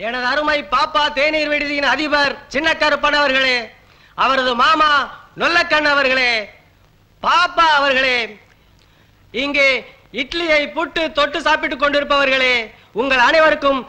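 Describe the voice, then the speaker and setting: A man's voice: very high-pitched, fairly even intonation, moderate pace, pauses often, pushed and bright, rough recording. A man acting in a Tamil film comedy scene, pompous with a speech-like formal address.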